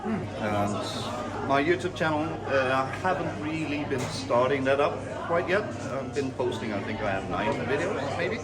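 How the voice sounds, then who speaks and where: A man's voice: mid-range voice, expressive, moderate pace. A man chatting casually as a guest reviewer of food and beer, hesitant and searching for his words. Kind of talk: casual chat. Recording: busy public space, loud background chatter. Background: loud crowd noise.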